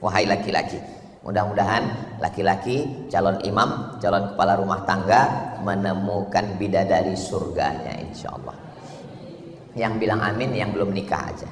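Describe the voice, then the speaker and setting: Booming preacher from Sumatra, echoey hall. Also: male voice, fairly even intonation, moderate pace. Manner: loud, booming delivery with playful jokes. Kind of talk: humorous sermon to a congregation. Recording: echoey hall with faint ambient noise.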